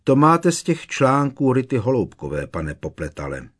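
A man's voice: mid-range voice, wildly swooping pitch, no echo, clean studio sound, voice pushed up. A man reading an audiobook, voicing a determined teenage boy who speaks in an urgent, insistent way.

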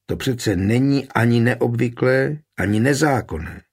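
A man's voice: medium pitch, slightly rough. A man voicing a sly, composed burgomaster. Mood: lawyerly. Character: shrewd, calm, short plump male burgomaster. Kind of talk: audiobook character voice.

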